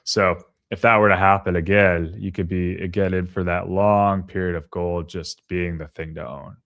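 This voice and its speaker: A man's voice: low voice, steady tone, moderate pace, fairly bright tone, dull audio. A man co-hosting a casual markets podcast, rambling, trailing off and swearing freely. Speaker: co-host.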